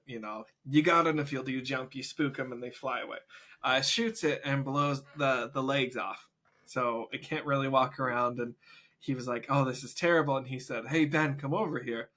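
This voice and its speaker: A man co-hosting a podcast, telling a story in casual chat and laughing through it. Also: mid-range voice. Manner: laughs through his own story, animated. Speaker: podcast co-host.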